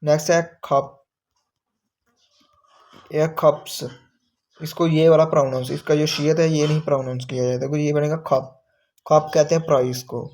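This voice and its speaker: Flat-voiced man teaching a language lesson. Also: a little high. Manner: repeats words slowly, explains each term; reads aloud from a textbook. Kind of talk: textbook lesson explanation.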